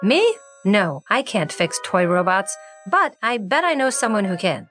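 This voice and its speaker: A woman voicing a patient mother who calmly settles an argument between her two sons in a children's audio story. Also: mid-range voice, a little slow, soft background music.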